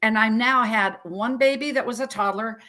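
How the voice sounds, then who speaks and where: Lively woman in her sixties, high voice. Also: moderate pace. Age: 60s. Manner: animated, emphatic storyteller. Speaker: health coach guest. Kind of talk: storytelling interview answers. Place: Central Florida.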